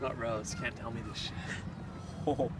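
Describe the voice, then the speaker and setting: A man's voice: medium pitch, steady tone, measured pace. A young man chats casually outdoors by the water, a few steps from the camera. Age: young adult. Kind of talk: casual chat. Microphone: camera a few steps away. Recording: distant outdoor mic, loud ambient noise.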